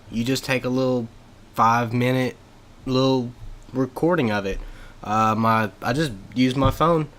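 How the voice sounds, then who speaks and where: Low-voiced rambling podcast co-host, a man. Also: a bit bright, slight background noise. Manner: rambling, loose explanations with many fillers. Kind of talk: casual chat.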